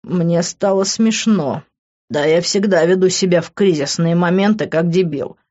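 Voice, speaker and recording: A woman reading a first-person audiobook in a steady, expressive way. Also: fairly low pitch, normal speed, dull audio. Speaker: audiobook reader.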